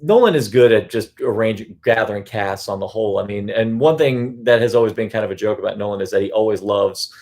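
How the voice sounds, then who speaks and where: A man co-hosting a casual film discussion, rambling and animated, often restarting his sentences. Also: lowish voice, fast talker, hardly any pauses. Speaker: podcast co-host.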